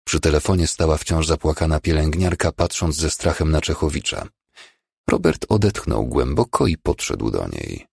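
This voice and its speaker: Deep gravelly male audiobook narrator. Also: moderate pace, a little mellow, no room sound, studio quality. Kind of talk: scripted narration.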